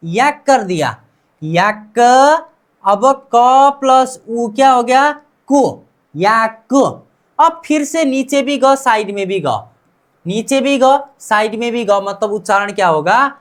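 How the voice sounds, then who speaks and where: A woman's slightly high, lively voice moves a little slowly as she teaches Korean pronunciation in Hindi, with an Indian accent. She repeats every word many times and quizzes her students before offering the answer.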